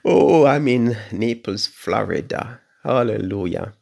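A man in his fifties, a Jamaican-accented pastor, delivers a livestream Bible study at home in his living room, with a phone camera held at arm's length. His lowish voice is gravelly and a little mellow, slow but animated, and he preaches fervently, repeating phrases and lengthening stressed words.

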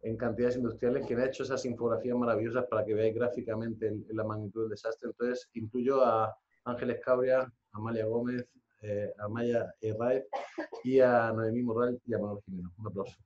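A man moderating a live book presentation, speaking haltingly with fillers and reciting a poem solemnly. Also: mid-range voice, flat delivery, darkish tone, a little hiss or hum. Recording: dull lo-fi event recording.

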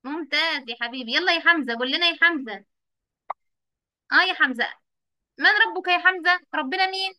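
Teaching little ones on a video call, a young Egyptian-accented woman repeats her questions and praises whatever they answer to keep them engaged. Her very high-pitched voice is bright and forceful; she talks fast but leaves long pauses. No room sound comes through.

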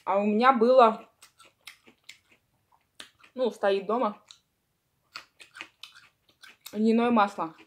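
A woman's voice: medium pitch, fairly even intonation, slow, a little hiss or hum. A woman vlogger chatting casually and rambling while she eats, talking with her mouth full. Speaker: mukbang vlogger. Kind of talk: casual chat while eating.

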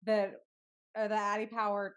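A woman co-host in a casual chat, amused and quick with asides. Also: mid-range voice, monotone, smooth.

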